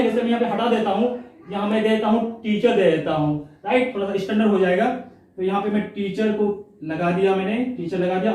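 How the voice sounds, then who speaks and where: A man's voice: high-pitched, a little mellow. A man teaching English pronunciation in an online lesson, explaining step by step and answering his own questions. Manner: explains step by step, repeats words, asks and answers himself. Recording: very echoey room, voice far from the mic.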